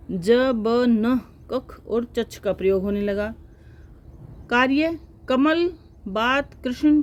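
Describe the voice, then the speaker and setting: A woman teaching a lecture to exam students, explaining step by step and often pausing to check with her listeners. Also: on the high side.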